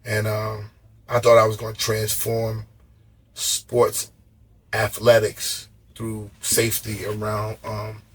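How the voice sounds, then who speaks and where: A man's voice: lowish voice, takes it slowly, a little hiss or hum. A man guest on a podcast, telling stories in a loose, profane, slangy way and often stumbling over and repeating his words. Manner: loose, profane, animated storytelling with slangy street talk. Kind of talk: casual storytelling interview.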